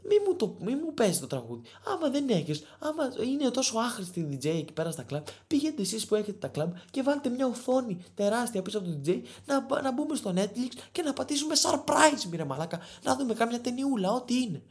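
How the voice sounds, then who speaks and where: A woman's voice: on the high side, sing-song, few pauses, darkish tone. A tipsy woman, rambling and swearing her way through an exasperated monologue. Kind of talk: drunken rant monologue.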